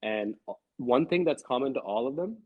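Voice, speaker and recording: A man from Sri Lanka, a guest developer on a casual livestream, talking with pauses and soft asides. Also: medium pitch, animated, slightly rough, dry recording. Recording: dry lo-fi stream audio.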